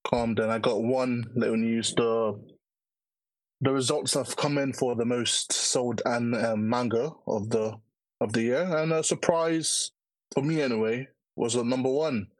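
A man's voice: medium pitch, fairly even intonation, measured pace, dry recording, low-quality recording. A man with an urban London roadman accent and slangy delivery, hosting a casual podcast chat. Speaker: podcast host.

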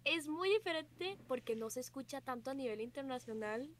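A woman with a Costa Rican accent talks through her point in a casual conversation. Her voice sits high, and she keeps checking in with "¿verdad?" and "digamos" as she explains. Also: lively intonation, brisk, a little hiss or hum.

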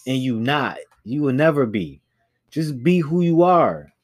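Lively man from Chicago, blunt. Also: mid-range voice, a little slow. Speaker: podcast co-host. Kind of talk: casual celebrity gossip chat.

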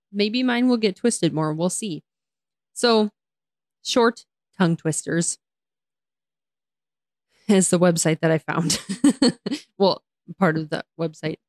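Giggly woman, talks slow, laughs a lot, dry close sound. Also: lowish voice, darkish tone, dry recording. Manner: giggly, laughs often between words. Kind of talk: casual chat.

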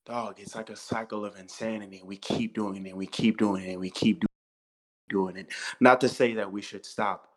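A man's voice: fairly low pitch, fairly even intonation, moderate pace, poor audio. A man in his thirties with an American accent, co-hosting a podcast discussion, talking emphatically, repeating himself and swearing freely. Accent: American English. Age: 30s. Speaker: podcast co-host. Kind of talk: impassioned casual discussion.

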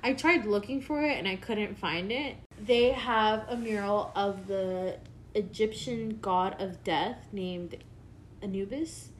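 A woman's voice: mid-range voice, slow. A woman co-hosting a podcast in loose casual chat. She rambles through her points with filler words and swears now and then. A faint hiss runs under the recording. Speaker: podcast co-host.

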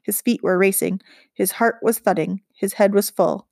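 A woman reading a children's book aloud with expressive, measured narration. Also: mid-range voice, gravelly, no room sound, clean studio sound. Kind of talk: storybook read-aloud narration.

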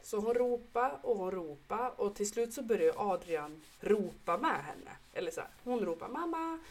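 A woman and mother, co-hosting a casual podcast chat, telling stories in a lively way and swearing now and then. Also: mid-range voice. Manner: lively storyteller who swears. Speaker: podcast co-host; mother of a young son.

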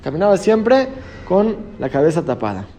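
Guy w a highish voice teaching gemara, reads the line then explains it, steady pace. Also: moderate pace. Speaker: Talmud teacher. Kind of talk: daf yomi lesson, reading Aramaic and translating.

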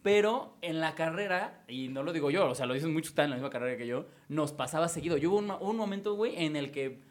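Fast-talking Mexican man telling stories. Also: on the high side, expressive. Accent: Mexican Spanish. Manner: profane, rambling, restarts often. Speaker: podcast co-host. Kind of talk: casual storytelling chat.

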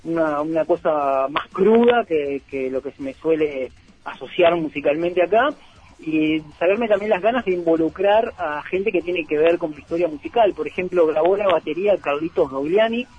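A man's voice: a little high, moderate pace. A man, a guest on a radio show, talking through bands with many fillers and restarts. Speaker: music label guest. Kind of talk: radio interview talk. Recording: dull lo-fi radio sound.

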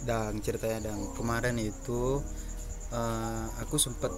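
A young man co-hosts a casual podcast at a middling pitch. He explains in a roundabout, stop-and-start way, with music clearly playing behind him. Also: flat delivery, measured pace. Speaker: podcast co-host.

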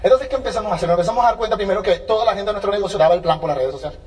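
A man speaking at a business seminar in an energetic, motivational way, acting out little dialogues as he goes. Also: high-pitched, rapid-fire, recorded from a distance. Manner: energetic, acts out dialogues with changing voices.

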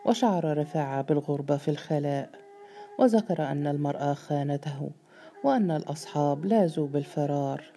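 Dark, low-voiced woman narrating a novel. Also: faint music behind. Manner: measured, dramatic reading. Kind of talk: scripted audiobook narration.

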